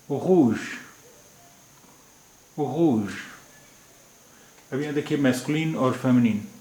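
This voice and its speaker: Man teaching a language lesson, very slow, drilling words over and over, echoey room. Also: medium pitch, darkish tone. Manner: repeats each word slowly, then gives its meaning.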